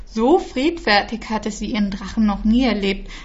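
Expressive woman reading a storybook. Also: medium pitch, highs cut off. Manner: expressive, measured. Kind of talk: storybook read-aloud.

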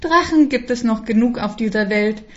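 A woman's voice: a little high, expressive, normal speed, highs cut off, close to an everyday voice. A woman reading a storybook who voices a haughty, hard-to-win young princess with a scoffing, disdainful manner. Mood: scornful.

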